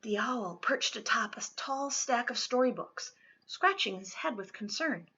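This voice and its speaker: A woman reads a children's story in a fairly high, bright voice with a slightly husky edge. She leans into words with drawn-out, dramatic emphasis. The recording is a little dull and lo-fi. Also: animated. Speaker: storybook reader. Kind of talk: expressive children's read-aloud.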